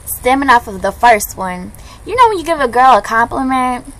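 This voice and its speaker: A woman in her twenties venting in a casual video blog, ranting in an animated, slangy way. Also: on the high side, moderate pace, poor audio. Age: 20s. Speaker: vlogger. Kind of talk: casual chat.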